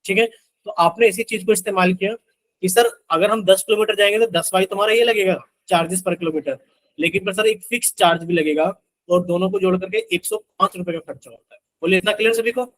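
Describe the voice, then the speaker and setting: High-voiced man teaching math online. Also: quick pace, a bit bright, poor audio. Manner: explains step by step, keeps asking students if it is clear. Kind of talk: live online math class.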